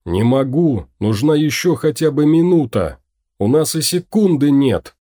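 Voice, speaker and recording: Frightened male starship pilot read by a man, tense, cursing, mellow dark voice, audiobook. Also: on the high side, lively intonation, unhurried, no room sound, studio quality. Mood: panicked.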